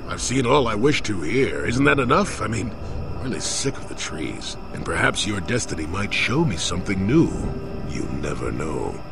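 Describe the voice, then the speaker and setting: Low, creaky, wry old hermit. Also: male voice, very animated, normal speed, music in the background. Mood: bargaining, wry. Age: older. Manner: sardonic, evasive, theatrical. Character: gruff, wry old hermit with a hidden past. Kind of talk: video game dialogue acting.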